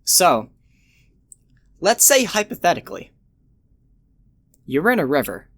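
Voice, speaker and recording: A man's voice: on the high side, very animated, slow pace, fairly bright tone. A man hosting a podcast in casual chat, playfully posing silly hypothetical questions. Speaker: podcast host.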